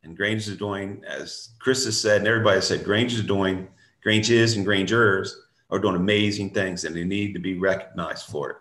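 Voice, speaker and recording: A man's voice: sits low, fairly even intonation, moderate pace, fairly bright tone. An older man giving a plainspoken, reassuring update over a video call from a room at home. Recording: echoey room.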